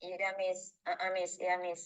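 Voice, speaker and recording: A woman's voice: lowish voice, completely flat delivery, takes it slowly, poor audio. A woman calling for advice who rambles through explanations, deferentially ending nearly every phrase with "Miss". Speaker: caller, domestic worker abroad. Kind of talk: phone call asking for advice.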